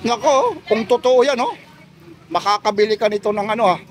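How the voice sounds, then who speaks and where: Male street vlogger, high voice, chatty patter full of tag questions, outdoor market, phone camera. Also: brisk, a little hiss or hum. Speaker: vlogger showing goods at a market stall. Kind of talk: casual street vlog chat.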